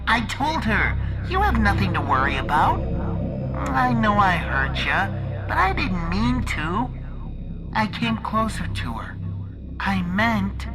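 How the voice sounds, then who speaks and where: A woman voicing a sadistic, playful, monstrous cartoon cat in a slow, theatrical horror monologue full of giggles and whispers. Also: medium pitch, big pitch swings, rough recording. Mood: gleeful, sinister. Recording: music behind the voice.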